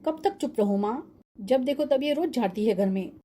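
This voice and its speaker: A woman's voice: on the high side, expressive, normal speed, warm tone. A woman voicing a grown son and husband in a cartoon-style family drama, reasoning and reproachful with his wife.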